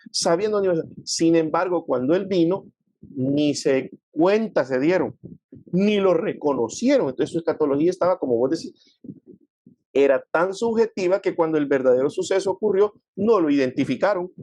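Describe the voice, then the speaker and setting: Man, higher voice, dry close sound, explanatory, conversational. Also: dry recording. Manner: explanatory, acts out quoted people in lively voices. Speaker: guest speaking on theology. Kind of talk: conversational discussion.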